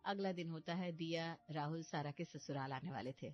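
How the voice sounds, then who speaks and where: A woman's voice: low voice, normal speed, dull audio. A woman narrating a storybook family drama, with background music. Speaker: narrator voicing several characters. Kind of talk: storybook narration with acted dialogue.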